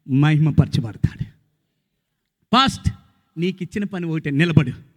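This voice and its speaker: High, bright-voiced preaching pastor, man. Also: in a large hall. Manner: call-and-response preaching, swings between shouts and low murmurs. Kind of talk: sermon. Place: outdoor gospel meeting.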